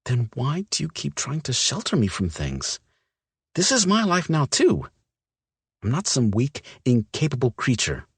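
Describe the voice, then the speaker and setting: A man's voice: medium pitch, wildly swooping pitch, measured pace, slightly rough, no room sound, pitched above the performer's own voice, exaggerated voice. A male narrator voicing a hurt, defiant young woman in an audiobook, his delivery emotional and shaky. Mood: distraught. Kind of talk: audiobook character voice.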